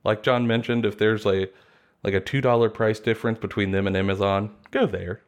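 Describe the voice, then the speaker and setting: A man's voice: fairly low pitch, fairly quick. Laid-back man co-hosting a podcast. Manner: relaxed, rambling, jokey. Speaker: podcast co-host. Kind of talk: casual podcast chat.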